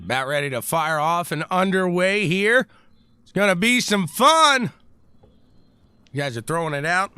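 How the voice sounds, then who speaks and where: A man calling a sim-racing event live, chatty and excitable, hollering between calls. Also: sits high, unhurried, long pauses, smooth, no echo. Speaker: race commentator.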